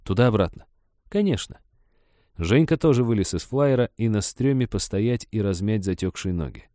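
A man narrating an audiobook in an even, storytelling way. His voice sits low and sounds dark and mellow, recorded close and dry with no room sound. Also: fairly quick, no room sound. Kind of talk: scripted narration.

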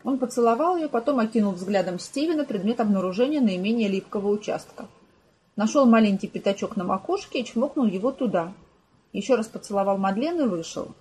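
A woman reads an audiobook in an even, measured storytelling manner. Her voice is mellow and dark. It has a soft husky grain. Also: medium pitch, poor audio. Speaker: audiobook narrator. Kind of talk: scripted narration.

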